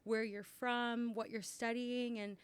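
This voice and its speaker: A woman's voice: fairly high pitch, flat delivery, slow, clean tone, no room sound. A woman who works in university admissions, moderating a student panel in an upbeat, welcoming way.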